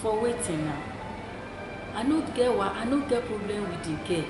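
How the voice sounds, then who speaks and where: A woman's voice: medium pitch, animated, moderate pace, music in the background. A woman with a Nigerian accent giving opinionated, conversational advice as a co-host, emphatic and repeating her points. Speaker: talk show co-host. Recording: echoey room with clear noise.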